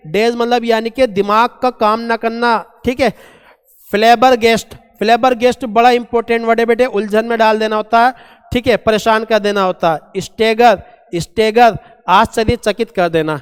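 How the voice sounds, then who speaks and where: Male vocabulary teacher, high smooth voice, repeats and quizzes, hall reverb. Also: steady tone, unhurried. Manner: repeats words, quizzes students as "beta". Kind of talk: exam-prep vocabulary lesson.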